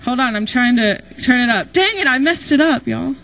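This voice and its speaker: A young American woman from Nashville, Tennessee, a student presenter, improvises a casual introduction of a group for an auditorium. Her voice is high, animated, a little bright and creaky, moving at a normal speed. She's chatty and informal, sprinkling in plenty of "y'all."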